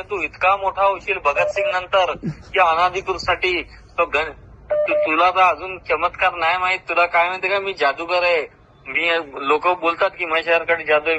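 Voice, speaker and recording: This retired government officer from Maharashtra, an older man with a Marathi accent, brags and picks a fight over a long, heated phone call that was recorded. His tone is bright and forceful, pitched on the high side.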